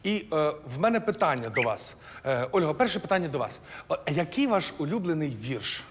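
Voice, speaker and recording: A man's voice: on the high side, very animated, fairly quick, long reverb tail. A man hosting a language quiz show in a playful, teasing way. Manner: teasing, jokey.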